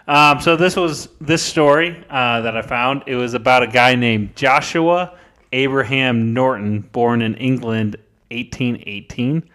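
A man's voice: medium pitch, unhurried, fairly bright tone. A man co-hosting a podcast, telling a history story in casual chat with many fillers and restarts. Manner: rambling, lots of fillers and restarts. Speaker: podcast co-host.

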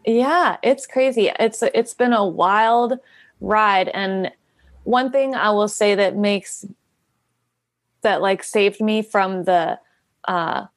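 A woman's voice: mid-range voice, slow, no echo. A woman guest talking about founding a nonprofit, rambling with many fillers and restarts. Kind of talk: casual interview answers.

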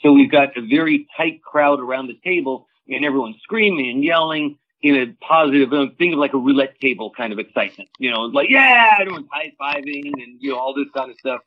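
Over a thin, phone-like line, a man of average pitch explains things as an interview guest. He talks casually and gets animated in the telling. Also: fairly quick, hardly any pauses. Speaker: interview guest, former street hustler. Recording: tinny narrow phone-like line.

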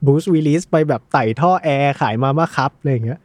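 Animated Thai man on a dry mic. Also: on the high side, fairly quick, no room sound. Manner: animated storyteller who acts out quotes. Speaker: podcast co-host. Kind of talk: casual gaming chat.

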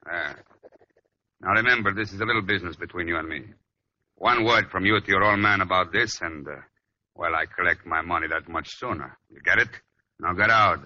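An actor playing a ruthless gangster loan shark, with tough, sneering talk in a 1930s radio drama style. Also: male voice, deep voice, a little fast, lightly acted. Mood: menacing. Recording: dull lo-fi old radio recording with faint noise.

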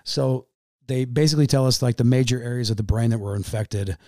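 Halting, earnest man telling a hard story. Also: mid-range voice, dark tone, no echo, studio quality. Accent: American Midwest. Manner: halting, repeats himself, calls the host man. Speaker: podcast guest. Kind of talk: emotional storytelling interview.

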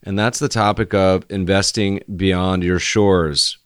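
Deadpan, low-voiced American man hosting a podcast. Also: slow pace, clean tone, no room sound, clean studio sound. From United States. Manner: deadpan, monotone delivery; casual, conversational. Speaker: podcast host. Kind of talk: solo podcast monologue.

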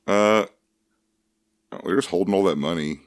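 Podcast co-host, man, very low pitch, dry jokey delivery, dead-dry room. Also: a little slow, dry recording. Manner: dry, joking, rambling. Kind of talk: casual chat.

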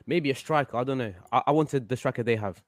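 A man's voice: mid-range voice, quick pace, no echo, clean studio sound. A young man chatting casually as a game player, often repeating his phrases insistently. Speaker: team player in a football draft game. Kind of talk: casual group chat.

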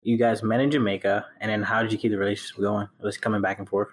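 Upbeat male podcast host, lowish voice. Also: little pitch movement, racing, a little hiss or hum. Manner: upbeat, eager, heavy use of "like". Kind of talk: casual podcast interview.

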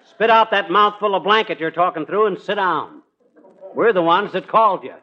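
An actor playing a bossy, wisecracking husband with cowardly schemes in an old-time radio comedy. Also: male voice, high voice, moderate pace, a crowd in the background, lightly acted. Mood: scornful. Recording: dull, noisy old radio recording.

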